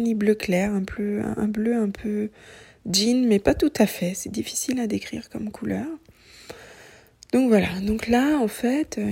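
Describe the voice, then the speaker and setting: A woman in her thirties chatting casually about her knitting in a vlog, soft-spoken and often drifting into a whisper. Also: medium pitch, vocal fry, breathy edge. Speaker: knitting vlogger. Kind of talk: casual chat.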